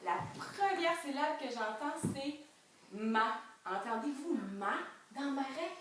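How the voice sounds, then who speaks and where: A woman's voice: sits high, slow. A young woman with a Québécois French accent, reading a picture book to preschoolers and coaxing them with questions. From Quebec. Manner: animated, coaxing, asks children questions. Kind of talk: interactive storybook reading to small children. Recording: echoey room from far off, noisy.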